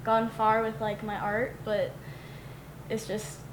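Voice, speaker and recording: A young woman, an illustrator, talking haltingly in a podcast interview, full of fillers. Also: fairly high pitch, completely flat delivery. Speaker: book illustrator. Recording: roomy, with clear noise.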